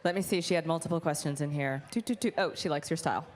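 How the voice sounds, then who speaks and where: A woman hosting a live studio interview, breezy and playful with quick quips. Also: sits low. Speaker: host.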